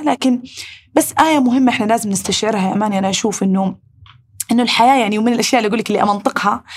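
A woman with a Saudi accent hosting a heartfelt talk, reflecting aloud in rushed bursts. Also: mid-range voice, slightly rough. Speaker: podcast host.

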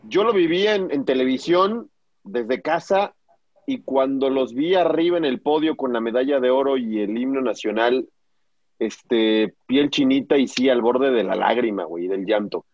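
A man's voice: mid-range voice, darkish tone, no echo. Mexican man as podcast host, slangy questions, dry close lo-fi audio. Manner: slangy, friendly, asks drawn-out questions. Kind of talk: casual interview chat. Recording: dull dry lo-fi sound.

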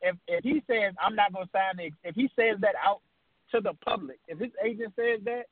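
Man, high voice, call-in panelist, casual sports debate, stammering repeats, phone line breaking up, tinny sound. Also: a little fast, dry recording.

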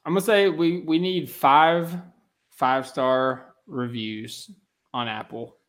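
A man's voice: on the high side, expressive, normal speed. Guy w a kentucky accent hosting a podcast, loose jokey banter, slangy. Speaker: podcast host.

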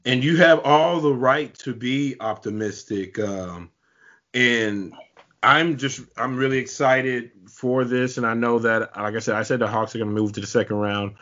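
Male podcast host, relaxed and casual, lo-fi sound. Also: mid-range voice, normal speed. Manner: laid-back, self-deprecating, with filler words. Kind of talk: casual sports podcast chat. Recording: slightly dull lo-fi audio.

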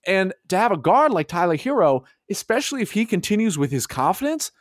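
A man co-hosting a sports podcast in casual chat, animated and arguing his points. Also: high-pitched, fairly quick, dry recording, studio quality. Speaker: podcast co-host.

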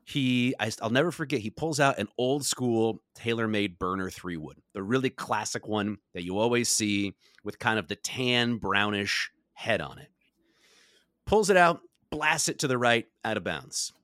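Animated man telling a golf story. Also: fairly low pitch, normal speed, no room sound, studio quality. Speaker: podcast co-host. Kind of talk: casual storytelling chat.

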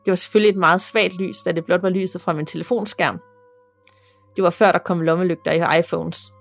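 A woman reading a listener's ghost story aloud as a podcast narrator, in a steady, measured way. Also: fairly low pitch, vocal fry, faint music behind.

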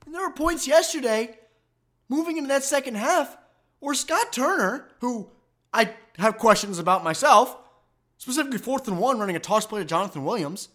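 A man's voice: extremely high pitch, lively intonation, moderate pace, a bit bright. A man hosting a sports podcast, ranting emphatically and with exasperation about his team's loss. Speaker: podcast host. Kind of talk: fan sports commentary podcast.

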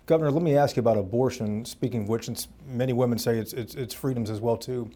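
A man's voice: mid-range voice, fast talker, warm tone. A man with an American accent, a podcast host and political reporter who speaks conversationally as he narrates and interviews.

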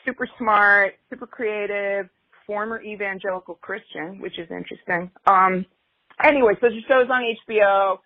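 A woman's voice: mid-range voice, fairly even intonation, moderate pace, no echo. A woman co-hosting a podcast in casual chat, rambling and self-mocking. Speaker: podcast co-host. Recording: tinny phone-like line, dry.

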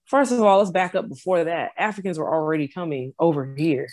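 A woman's voice: deep voice, a little fast, a little mellow, no echo. A woman in casual conversation, explaining her views earnestly and often stopping to restart a phrase.

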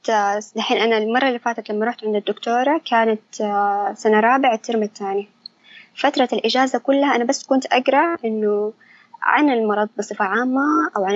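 A young woman tells her story at a rapid clip, her voice set a little high. The sound is dry and close, yet slightly dull and muffled. She talks candidly and with animation. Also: dry recording. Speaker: guest. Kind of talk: personal story in an interview.

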